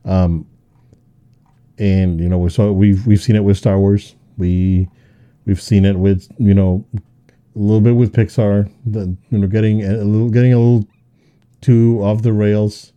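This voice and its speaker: A man's voice: fairly low pitch, flat delivery, unhurried, mellow, highs cut off. A man co-hosting a casual podcast chat, talking with many hesitant restarts and fillers. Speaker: podcast co-host.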